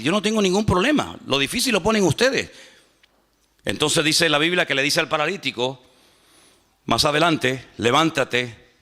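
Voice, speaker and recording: A man preaching a sermon as a pastor, animated and humorous, acting out little dialogues. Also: a little high. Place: church. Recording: church hall reverb.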